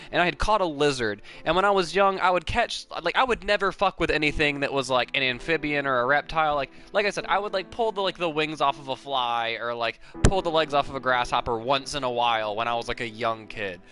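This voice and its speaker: A man's voice: fairly high pitch, fast talker, hardly any pauses, pushed and bright. A man livestreaming and chatting casually, rambling and swearing with lots of "like" fillers. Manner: rambling, profane, peppered with "like". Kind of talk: casual chat.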